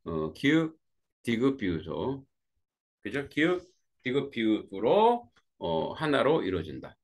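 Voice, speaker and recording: A man's voice: mid-range voice, very animated, measured pace. A man teaching an online grammar lesson, talking students through examples and checking with them after each point. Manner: greets students by name as they join. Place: warm room with a fan.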